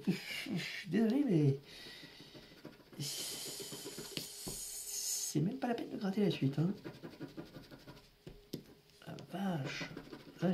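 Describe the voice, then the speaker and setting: A man talks slowly, muttering and grumbling through a casual running commentary as he scratches lottery tickets. His tone stays exasperated, with a faint hiss of background noise under his voice. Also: a little high, mellow.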